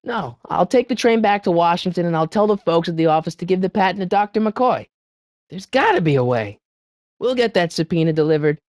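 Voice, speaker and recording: Determined yet nervous, this teenage American boy from a time-travel video game talks fast and stammers as he eagerly tries to persuade. His high, young voice swoops with animated urgency in a clean, dry recording without echo.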